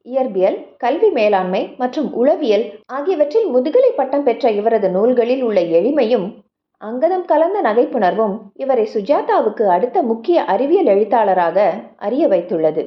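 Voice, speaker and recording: A woman with a high, sing-song voice reads a children's story aloud, her pitch leaping up and down as she draws young listeners in. The recording is a little dull and lo-fi. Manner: lively, expressive storytelling addressing young listeners. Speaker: audiobook reader.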